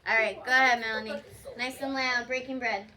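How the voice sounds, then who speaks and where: A woman coaching students through a video shoot in a school classroom, animated and teasing as she gives directions. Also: fairly high pitch, fairly quick, distant mic, a crowd in the background.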